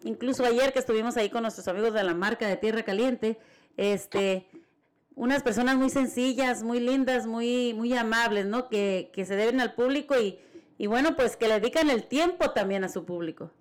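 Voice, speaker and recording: A woman's voice: fairly high pitch, moderate pace. A woman co-hosting a radio show, reflective and agreeable, with many fillers. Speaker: radio co-host. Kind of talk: casual radio chat.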